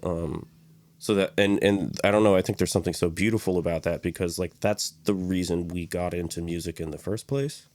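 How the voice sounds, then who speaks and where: Low-voiced man rambling animatedly. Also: fairly quick, dry recording. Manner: rambling, animated, laughs often. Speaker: podcast co-host. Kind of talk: casual chat.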